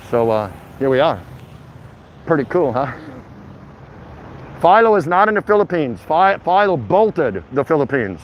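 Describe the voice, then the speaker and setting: Here a vlog host with a voice on the high side walks through a bayside part of a city, chattering to viewers in a loose, friendly, joking ramble. Captured on a phone outdoors, the sound is dull and lo-fi, with passing vehicles and city noise clearly audible.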